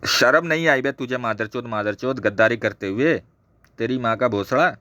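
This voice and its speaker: In a dry recording, a man with a mid-range voice and a sharp tone rants at a moderate pace, furious and swearing nonstop. He's a channel host exposing a former associate, pointing things out on a shared screen and repeating himself over and over.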